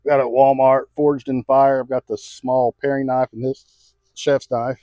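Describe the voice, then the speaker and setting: Speaking at a moderate pace in a level, dark-toned, mid-range voice, an American man hosts an informal outdoor cooking vlog from his home patio. His talk is folksy and thinking-aloud, with radio music in the background, and the recording is dry.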